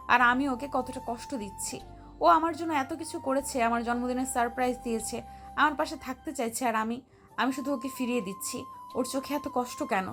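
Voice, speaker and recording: A woman with a Bengali accent voicing a shy, remorseful young wife who speaks softly and apologetically in an audio story. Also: high-pitched. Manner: soft, pleading and apologetic.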